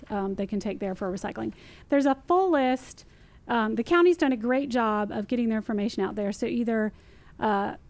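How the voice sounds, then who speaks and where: A woman walks listeners through what can be recycled. Her voice sits a little high, and she is chatty and animated, with lots of emphasis and repetition. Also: no room sound. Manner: lively, emphatic, repeats key phrases. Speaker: city recycling guest expert. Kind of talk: casual explanatory interview talk.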